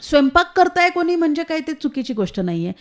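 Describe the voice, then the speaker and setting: Earnest high-voiced woman. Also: big pitch swings, fast talker. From Maharashtra, India. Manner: earnest, emphatic, speaks in short phrases. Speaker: guest, founder of a children's home. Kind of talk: radio interview. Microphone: studio microphone.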